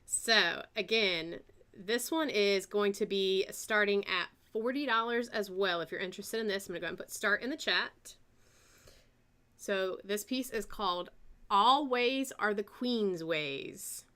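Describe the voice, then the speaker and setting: A woman with a Southern American accent hosts a live-stream auction in a relaxed, chatty way. Her voice has a bright, forward edge, and her pitch sits in the middle range for a woman. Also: clear, resonant tone. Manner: chatty, unhurried, reads out bids and details.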